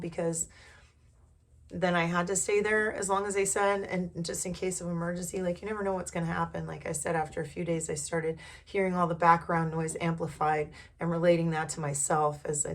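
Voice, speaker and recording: A woman speaks candidly in a casual personal vlog, her voice sitting a little low for a woman. She rambles, fills gaps with "um" and "like", and restarts her sentences often. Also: fairly bright tone. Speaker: vlogger.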